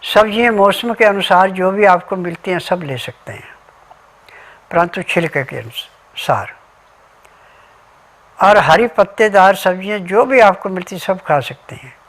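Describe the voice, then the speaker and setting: A man's voice: sits high, expressive, a little slow, fairly bright tone. A man giving an instructional health talk as a remedy advisor, methodically listing ingredients and diet rules step by step.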